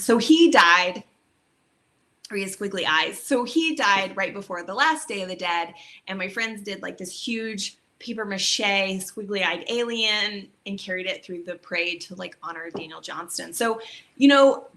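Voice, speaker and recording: A woman's voice: medium pitch, sharp tone. A woman from Texas, an author, chatting casually and rambling a little about her book on a video stream, with lots of ums and likes. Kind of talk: casual online book talk.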